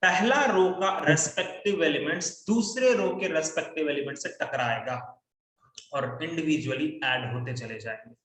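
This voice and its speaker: Man teaching maths, high voice, echoey room, keeps prompting students to answer. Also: moderate pace, fairly bright tone. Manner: coaxing students to answer aloud. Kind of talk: online class lecture.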